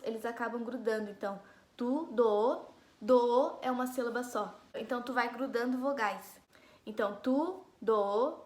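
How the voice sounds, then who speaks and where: In an echoey room, a female school teacher with a slightly high voice records a class lesson, explaining things conversationally, stressing syllable after syllable, and talking straight to her students.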